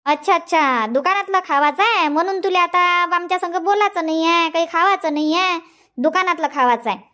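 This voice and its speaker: An actor voicing a squeaky nagging cartoon granny with a Vidarbha accent. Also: a little fast, pushed and bright. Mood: scolding. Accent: Vidarbha Marathi. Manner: nagging, repeats questions, chiding. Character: fussy nagging village grandmother, scolds and coaxes. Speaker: grandmother. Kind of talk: cartoon comedy voice acting.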